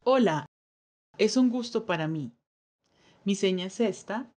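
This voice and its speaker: Working as a sign language voice interpreter, a woman speaks a signed interview aloud in the first person for the signer. Her pitch is ordinary and mid-range, and she keeps a measured, steady pace with short pauses between phrases.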